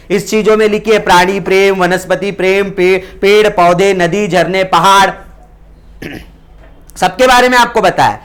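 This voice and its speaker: High-voiced joking male teacher. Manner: animated, joking, preachy. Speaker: tuition teacher. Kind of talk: classroom lecture. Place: classroom with students.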